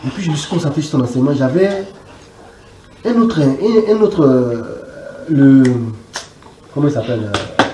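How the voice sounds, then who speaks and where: A man telling his faith testimony in conversation, animated, often repeating and restarting his words. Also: mid-range voice, normal speed. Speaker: guest giving a religious testimony. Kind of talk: conversational storytelling. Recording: echoey room with loud background noise.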